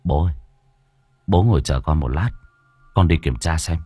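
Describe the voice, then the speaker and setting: A man voicing a gruff but soft-hearted middle-aged son with a brusque, scolding manner. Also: rumbling low, no echo. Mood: worried. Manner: brusque, scolding, quick to bluster.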